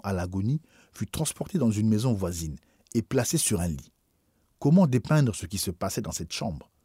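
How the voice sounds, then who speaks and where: Grave, husky-voiced man reading aloud. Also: on the low side, mellow, no echo, clean studio sound. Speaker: audiobook reader. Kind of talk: solemn scripted narration.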